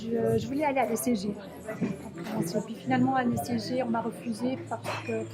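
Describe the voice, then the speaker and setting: A woman sign language interpreter voicing an interview in the first person, halting and searching for words, in a café. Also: fairly high pitch, fairly even intonation, over a noisy crowd. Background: loud music.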